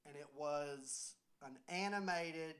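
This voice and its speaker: A tipsy man with a Southern accent doing a loud, rambling stand-up set in a small comedy venue. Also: fairly high pitch, slow, background noise. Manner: loud, rambling, excitable delivery.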